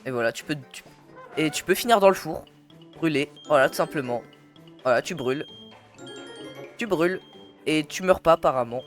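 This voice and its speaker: A man's voice: on the high side, lively intonation, normal speed, pauses often, fairly bright tone. Playful young man commenting a game. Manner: playful, teasing, slangy, talks to viewers. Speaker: gaming YouTuber. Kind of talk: casual gameplay commentary. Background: faint background music.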